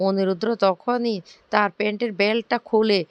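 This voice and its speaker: A woman quickly retelling a TV serial episode, acting out the characters' lines in a lively storytelling manner. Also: mid-range voice, clean tone, dry recording, highs cut off. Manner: rapid, animated storytelling with quoted lines.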